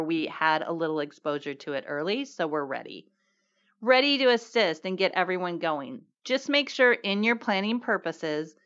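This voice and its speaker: A hoarse woman co-hosting a casual, upbeat chat. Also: lowish voice, a bit bright. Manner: upbeat, encouraging. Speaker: podcast co-host. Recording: dull lo-fi recording.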